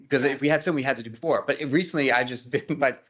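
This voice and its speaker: A man organizing a committee meeting, explaining matters in a casual way, often halting and repeating words as he talks. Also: mid-range voice, a bit bright.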